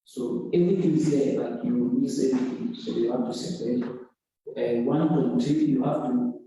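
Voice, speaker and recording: A man's voice: mid-range voice, mellow, a little hiss or hum. Distant examiner man in an echoey room. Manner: halting, corrective, many restarts and fillers. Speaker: thesis examiner. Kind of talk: academic oral examination.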